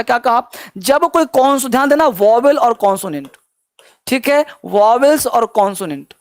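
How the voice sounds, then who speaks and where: A man's voice: very high voice, no echo. Dry-voiced man teaching English pronunciation. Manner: repetitive, coaxing, asks students questions. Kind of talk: classroom lesson.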